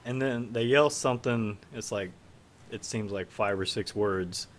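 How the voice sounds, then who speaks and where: A man narrating as game master of a streamed tabletop game, relaxed and rambling, with fillers. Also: fairly low pitch, a little slow. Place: home stream setup.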